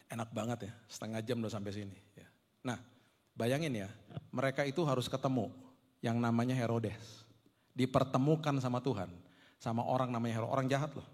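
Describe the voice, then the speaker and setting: A man's voice: medium pitch, steady tone, a little fast, darkish tone. A male pastor preaching a sermon, telling stories with humorous asides to the congregation. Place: church hall. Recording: long hall reverb.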